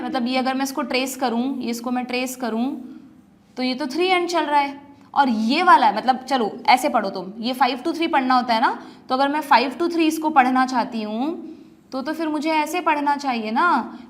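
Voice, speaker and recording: High-voiced woman teaching a biology class. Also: fairly bright tone. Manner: explains step by step, often asks students if they follow; addresses students as children, mixes English terms into Hindi. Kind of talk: exam-prep lecture.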